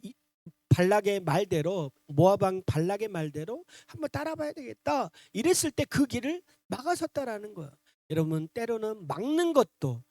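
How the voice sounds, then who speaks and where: A man preaching a sermon with a pitch that swings widely up and down. He keeps asking his listeners questions and slips into other voices for quoted lines. The sound is dry and close, with no room echo. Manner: animated preaching with rhetorical questions to the congregation; acts out quoted speech in shifted voices. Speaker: pastor.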